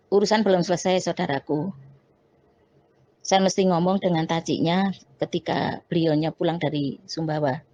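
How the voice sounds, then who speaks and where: A woman's voice: on the low side, gravelly, a little mellow. A woman, telling a personal testimony with quoted dialogue and frequent restarts. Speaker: testimony speaker. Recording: dull lo-fi recording.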